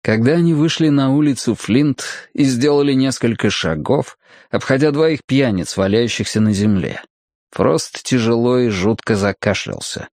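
Guy reading an audiobook, mid pitch, steady even telling, dry close sound. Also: moderate pace, dry recording. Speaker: audiobook narrator. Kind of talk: scripted narration.

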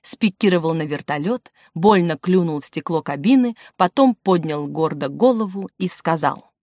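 A woman narrating an audiobook in an expressive storytelling manner, recorded in a studio. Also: fairly low pitch, moderate pace, no room sound. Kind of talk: scripted narration. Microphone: studio mic.

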